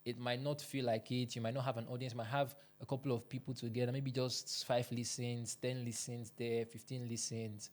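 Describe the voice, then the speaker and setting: A man's voice: medium pitch, flat delivery, moderate pace, few pauses. A man coaching beginners, talking into a studio microphone in a podcast studio. He is earnest and instructive, with emphatic bursts on the key points. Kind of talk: instructional talk to camera.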